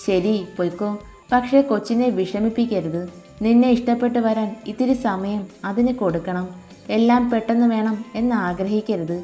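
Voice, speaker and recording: A calm, caring middle-aged mother giving steady, gentle advice, as a woman reading a novel puts her on. The tone is soft and mellow, with light music playing faintly behind. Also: mid-range voice, normal speed, lightly acted.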